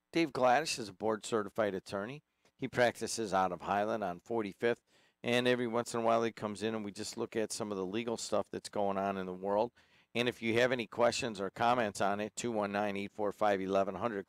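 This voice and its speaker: Smooth, low-voiced talk radio host. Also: male voice, steady tone, moderate pace, no echo, studio quality. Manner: chatty, reads listener texts.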